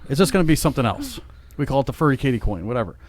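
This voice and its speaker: A man's voice: medium pitch, animated, racing. A man in his forties co-hosting a podcast, chatting casually and rambling with many fillers and restarts. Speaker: podcast co-host. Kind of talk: casual chat.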